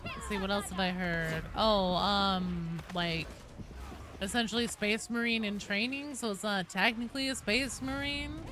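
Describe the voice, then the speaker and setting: A woman streaming a game chats casually over noisy gameplay audio, swearing now and then. Her voice is medium-pitched and a little slow.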